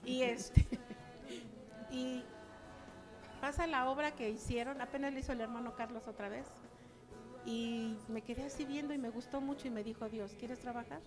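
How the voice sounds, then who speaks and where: A woman's voice: a little high, steady tone, normal speed, long pauses, over music. An older woman giving a chatty personal testimony to her church, acting out remembered dialogue.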